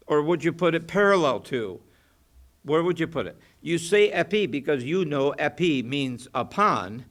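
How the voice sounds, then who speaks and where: A man's voice: on the high side, a bit bright. Man teaching a church Bible study. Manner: explanatory, asks the class rhetorical questions.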